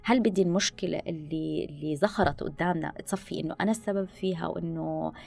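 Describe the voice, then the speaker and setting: A woman gives animated advice on a podcast and mixes in English phrases. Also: lowish voice, fast, vocal fry. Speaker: guest speaker on listening skills. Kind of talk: podcast conversation.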